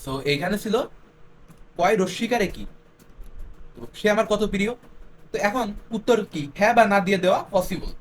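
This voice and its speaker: A man gives a step-by-step grammar lesson, mixing in English words and repeating his example sentences slowly. His voice is high-pitched, with a little hiss or hum in the recording.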